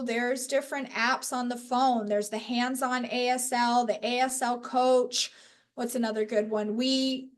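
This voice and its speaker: Woman trainer with a high voice, casual and chatty, speaking over a video call. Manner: casual, chatty, self-correcting with light laughs. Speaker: workshop instructor. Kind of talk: live training presentation.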